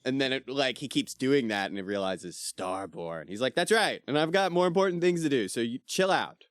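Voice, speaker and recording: A man's voice: medium pitch, moderate pace, smooth, no room sound, studio quality. A man co-hosting a casual book club podcast, acting out quotes from the book as he talks. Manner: animated, acts out quotes from the book. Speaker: podcast co-host.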